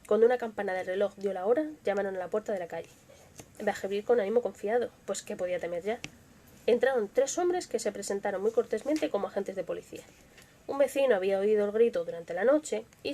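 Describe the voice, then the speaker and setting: A young woman with a Spanish accent from Spain, hosting a live stream and reading stories in a soft, expressive voice that sometimes drops to a whisper. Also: mid-range voice. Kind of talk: dramatic story reading with casual chat.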